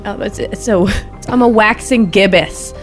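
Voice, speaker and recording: A woman's voice: mid-range voice, measured pace, faint music behind. A woman chatting casually and improvising as a player in a tabletop game.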